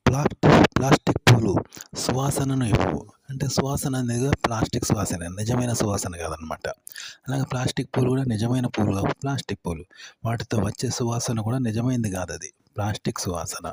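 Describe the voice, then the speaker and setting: A man's voice: mid-range voice, animated, brisk, a little mellow, a little hiss or hum. A man explaining tips for talking on camera in a repetitive style, listing word after word and asking rhetorical questions. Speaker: YouTube tips presenter.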